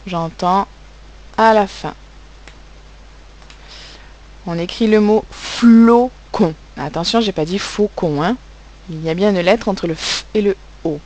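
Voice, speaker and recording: A woman's voice: lowish voice, darkish tone. A woman teaching young children spelling and handwriting, speaking patiently and spelling out letters and sounds, with a French accent.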